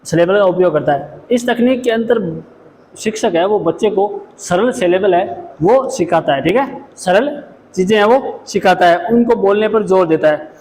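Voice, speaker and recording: Male lecturer, high voice, repeats each point; echoey room, faint hiss. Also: expressive, normal speed, darkish tone. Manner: explains then repeats each point, frequent "ठीक है". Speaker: special education lecturer. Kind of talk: classroom lecture.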